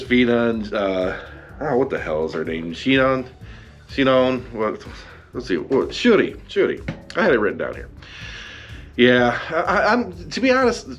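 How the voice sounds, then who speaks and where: A man hosting an anime review show, rambling through a sarcastic, casual recap with swearing and mocking asides. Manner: jumps in pitch for mock quotes. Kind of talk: casual solo commentary.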